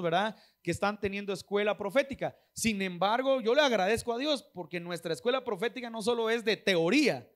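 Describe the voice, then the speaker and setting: A man preaching a conversational sermon, often checking in with the congregation and singing short bits of old hymns. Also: high-pitched. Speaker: pastor.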